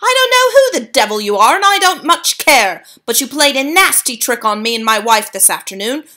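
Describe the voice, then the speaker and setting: Woman putting on a shouting, spluttering English dad. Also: extremely high pitch, voice pushed up, heavily acted. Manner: loud, spluttering, stammering. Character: blustering middle-aged English father, furious.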